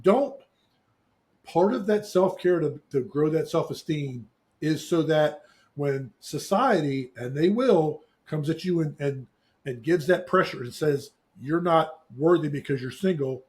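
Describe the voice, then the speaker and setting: A man's voice: on the high side, animated, measured pace, darkish tone. A middle-aged man co-hosting a casual talk show, earnestly giving life advice, often restarting his sentences. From Eastern Shore, US. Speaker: podcast co-host. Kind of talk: casual chat.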